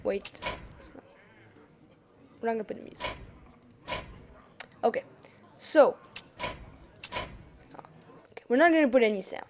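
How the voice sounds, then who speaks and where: Narrating a card game on screen, a young woman with a French accent talks casually as a gaming YouTuber, often starting sentences over. Her slightly high voice has a darkish tone and lively intonation, she takes it slowly with long pauses, and a little hiss or hum is audible.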